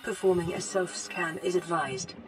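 A woman voicing a calm, caring female suit computer in a game, with a smooth synthetic robot voice giving gentle, even advisory announcements. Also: lowish voice, normal speed, low-quality recording. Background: loud game music.

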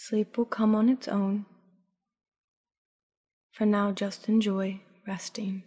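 This is a soft-spoken, medium-pitched woman guiding listeners through a sleep meditation like a bedtime story. She stays calm and unhurried, letting each phrase end on a breath, while long reverberation trails her words.

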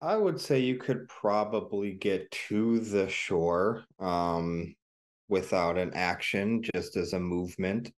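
A man narrating a tabletop game as game master. His voice sits low and he speaks slowly. He gives his rulings in a measured way, often with hedges.

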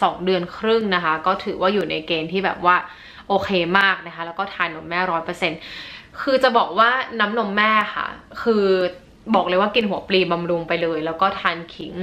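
Woman vlogger, a new mother: bright, chatty, polite delivery straight to camera. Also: fairly low pitch. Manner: chatty, polite, mixes in English words. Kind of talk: casual chat to camera.

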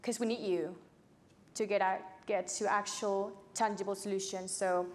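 A nineteen-year-old native Spanish speaker from Santiago, Chile, with a Chilean accent, shares a personal story as a youth climate activist on an indoor panel stage. Her voice is medium-pitched, steady and a little mellow, at a moderate pace, conversational, picked up by a lapel mic.

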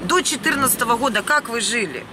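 Her voice is a little high with lively intonation, and she talks quickly in an indignant, blunt, unscripted vlog rant, dropping the occasional mild swear word for emphasis. This Ukrainian vlogger records herself in a van, parked or on the move, with the camera held about arm's length away and cabin noise all around.

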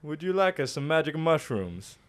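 A cheerful video-game plumber with a broad put-on Italian accent and a high, sing-song lilt, voiced by a man. He chirps every line loudly and happily. The voice is light and cartoonish, set well above a normal man's speech. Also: big pitch swings, normal speed. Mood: sly.

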